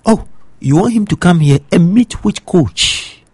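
A man's voice: high voice, animated, unhurried, darkish tone, husky, no room sound. A man from Ghana with a Ghanaian accent, giving opinionated football commentary and pressing his point with emphatic rhetorical questions. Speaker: football pundit.

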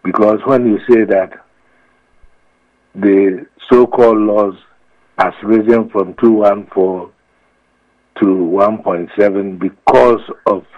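Slow-speaking Ghanaian man, muffled echoey sound. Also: on the low side, fairly even intonation. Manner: emphatic, repetitive, explanatory. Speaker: expert guest. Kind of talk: radio interview commentary. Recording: muffled, echoey radio feed.

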